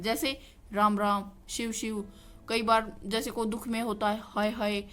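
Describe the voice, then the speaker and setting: A woman's voice: a little high, a bit bright. Woman teaching grammar, questioning her own points. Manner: explains by asking and answering her own questions, repeats "ठीक है". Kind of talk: classroom-style grammar lesson.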